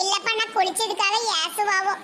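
A woman's voice: extremely high pitch, fairly even intonation, fairly quick. A woman playing a spoiled, lying young daughter of a village headman, whiny and cheeky, with a Tirunelveli Tamil accent. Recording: loud background noise.

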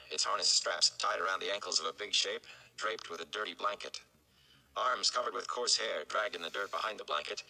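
A man reads a scripted story dramatically, audiobook style, in a small indoor room. His deep voice has vocal fry and sounds pushed and bright, and the recording is rough.

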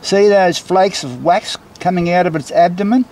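A beekeeper with a highish, slightly mellow voice films outdoors beside a beehive and a brick house, explaining a hive inspection casually at a moderate pace. Buzzing bees are clearly audible behind his explanatory vlog narration.

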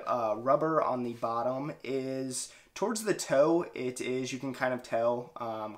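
A man's voice: mid-range voice, fairly bright tone. A young man giving a casual product review to a camera a short distance away in a room at home. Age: young adult. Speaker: running vlogger. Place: indoors in a small home room.

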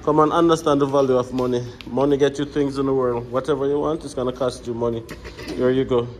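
In a casual family vlog, a father with a Jamaican accent walks through a small indoor airport terminal, chatting easily to camera. He's a quick talker with a mid-range voice, and there's slight background noise.

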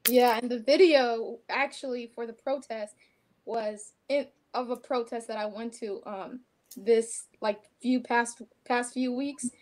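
A young woman who leads a youth nonprofit, explaining its work earnestly, pausing often on a video call. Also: fairly high pitch, fairly even intonation, a little mellow. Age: young adult. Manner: earnest, informative, hesitant with fillers. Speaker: nonprofit president.

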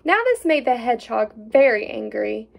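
A woman reading a fairy tale aloud in an expressive storytelling way, with small slips. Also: on the high side, normal speed, creaky.

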